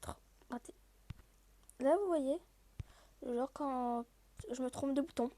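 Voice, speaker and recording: Speaking slowly, a woman who hosts gaming videos narrates her mobile gameplay, telling viewers about each rule and screen in a relaxed, chatty manner. The voice is high, with a rounded, mellow quality, and the talk is a casual walkthrough.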